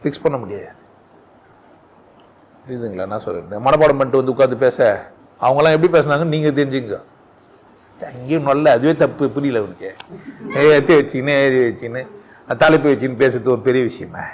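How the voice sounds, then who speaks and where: A man giving an informal spiritual talk at a satsang, animated and full of rhetorical questions, often laughing as he speaks. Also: medium pitch, brisk, pauses often. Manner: laughs often while talking.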